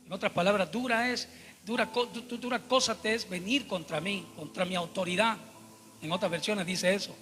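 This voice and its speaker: A man's voice: high-pitched, moderate pace, bright, forceful tone, big-room sound. A man preaching a Bible study sermon, emphatic and repetitive, often turning to address his listeners as brothers.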